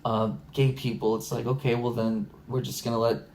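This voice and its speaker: A young man with a Chicago accent speaks as a guest in a casual chat. He talks earnestly and haltingly, leaning on fillers as he works through his points, over a faint hum of background noise. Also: medium pitch, level tone, a little mellow. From Chicago area, US. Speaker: guest, film editor. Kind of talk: casual conversation.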